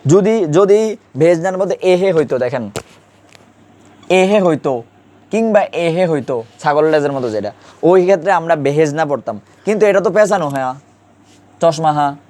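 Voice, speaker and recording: A man's voice: a little high, lively intonation, normal speed, pauses often, darkish tone. A man teaching a classroom grammar lesson, quizzing students and repeating key terms.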